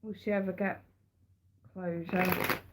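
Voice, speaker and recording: A woman with a head cold reads tarot on a live stream, her fairly low voice level in tone and a bit slow, with heavy noise in the background. Chatty and congested, she repeats words and calls viewers darling and sweetheart.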